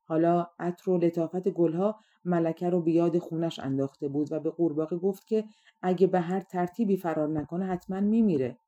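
A woman narrating a fairy tale audiobook in a calm, measured storytelling manner. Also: fairly low pitch, muffled recording.

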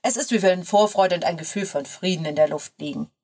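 A woman's voice: fairly quick, natural voice. Woman doing a teasing young male lawyer. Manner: lower, softer, relaxed murmur.

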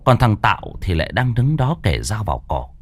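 A man's voice: very animated, fairly quick. A man narrating a horror story in a theatrical, dramatic way. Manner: theatrical, swinging pitch widely for effect.

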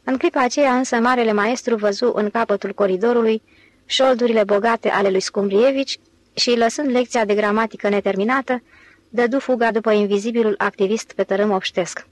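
Woman reading an audiobook, steady, a bit high, dry close sound. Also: no echo, low-quality recording. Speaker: audiobook narrator. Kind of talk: scripted narration.

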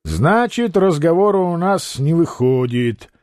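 A man voicing a calm shrewd merchant. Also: a little high, no echo, studio quality. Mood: formal. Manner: measured, quiet, firm.

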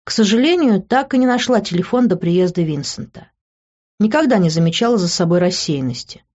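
A woman's voice: mid-range voice, a little fast. Woman narrating a first-person audiobook. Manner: playful, lively character voicing. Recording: dull lo-fi recording.

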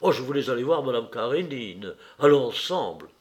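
A man's voice: mid-range voice, very animated, moderate pace, natural voice. A man voicing a dismissive older brother in an audiobook, in a near-plain voice. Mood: scornful. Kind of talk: audiobook character reading.

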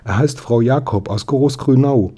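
A man's voice: medium pitch, measured pace, mellow, breathy edge, pitched above the performer's own voice. A man voicing an indignant, eager young boy in a storybook reading, talking in agitated outbursts. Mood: urgent.

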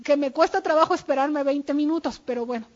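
A woman's voice: sits high, fairly quick. A woman giving an informal church talk on marriage, speaking candidly about herself and quoting her husband. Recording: dull lo-fi recording.

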